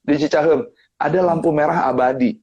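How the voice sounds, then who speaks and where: A man talking casually as a guest on a family live stream, telling animated stories and acting out other people's lines with big jumps in his voice. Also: fairly high pitch, brisk, husky, muffled recording. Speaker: guest speaker on family topics. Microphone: live-stream mic.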